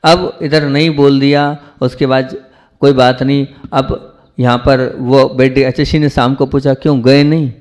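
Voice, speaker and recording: A man's voice: medium pitch, flat delivery, unhurried. Man preaching a dramatic storytelling sermon. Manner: dramatic, repeats phrases for emphasis and swings from hushed to loud. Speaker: Jain monk preacher.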